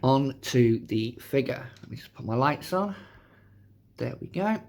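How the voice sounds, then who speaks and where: A man's voice: mid-range voice, lively intonation, a little slow, gravelly, darkish tone. Man with a sore-throat voice. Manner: informal, chatty. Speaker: host of a toy review channel. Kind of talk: casual product review.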